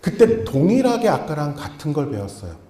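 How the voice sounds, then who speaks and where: A man preaching a sermon as a missionary, telling a personal story in an animated way and acting out the dialogue. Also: fairly high pitch, fairly quick, echoey room. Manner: animated, acts out dialogue in changing voices. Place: church sanctuary.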